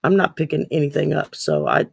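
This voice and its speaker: A woman's voice: low-pitched, animated, brisk, gravelly, darkish tone, slightly rough, no echo. A woman co-hosting a casual chat, talking readily and often repeating words as she explains. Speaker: co-host.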